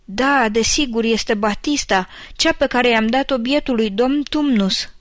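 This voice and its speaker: A woman reading the part of a curious, eager little girl, lifting her voice higher. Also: dry recording, studio quality, natural voice. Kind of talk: audiobook character reading.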